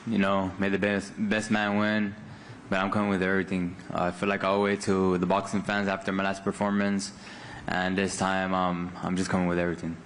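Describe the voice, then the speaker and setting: A man with a deep voice and very even delivery talks casually as a boxer at a press conference, with faint noise behind him. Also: brisk. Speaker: professional boxer.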